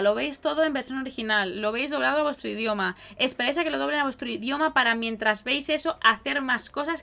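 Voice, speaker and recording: A woman with a Spain Spanish accent talks through a live podcast in a slightly high voice. She is chatty and expressive, with lively exclamations as she reads out viewer comments. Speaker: podcast host and streamer.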